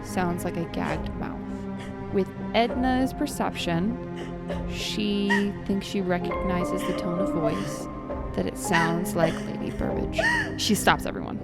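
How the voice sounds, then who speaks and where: A woman's voice: fairly low pitch, slow. A woman running a tabletop role-playing game, narrating the scene to her players as game master. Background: background music.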